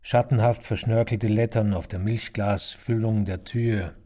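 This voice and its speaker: A man reading a literary novel aloud in the first person, measured and deliberate. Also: on the low side, steady tone, dark tone. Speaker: audiobook narrator.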